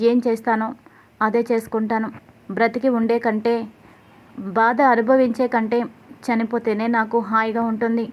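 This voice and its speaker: A woman's voice: on the high side, dull audio, slight background noise, natural voice. A woman voicing a heartbroken young woman who pleads with her uncle and vows never to marry anyone else. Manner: pleading, tearful, defiant. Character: young woman, heartbroken, vowing to refuse any other match.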